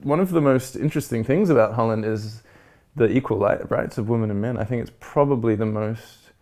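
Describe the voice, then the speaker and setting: A man's voice: medium pitch, fairly quick, darkish tone. Easygoing New man in his thirties. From New Zealand. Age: 30s. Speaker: blind date participant. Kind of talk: casual interview and chat. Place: hotel room and restaurant, indoors.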